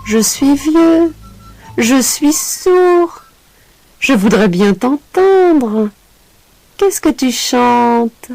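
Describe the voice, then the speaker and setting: A woman's voice: high voice, lively intonation, extremely slow, creaky, long pauses, dark tone, dry recording, faint music behind, pitched above the performer's own voice, heavily acted, rough recording. A woman doing a sly sweet-talking fox. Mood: wheedling. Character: sly flattering male fox, feigning old and deaf.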